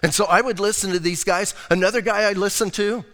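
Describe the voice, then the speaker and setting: Older male pastor, emphatic and chatty sermon delivery, slightly high voice, long church echo. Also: fairly even intonation, a little fast, fairly bright tone. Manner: conversational, emphatic preaching with frequent asides. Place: church sanctuary.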